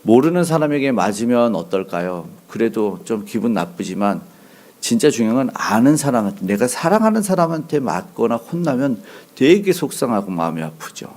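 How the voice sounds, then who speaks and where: A man's voice: sing-song, normal speed, a little mellow. A man preaching an expository dawn sermon as pastor, earnest, his voice rising when he voices the cries of the afflicted. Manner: earnest, rises in pitch when voicing Job's cries.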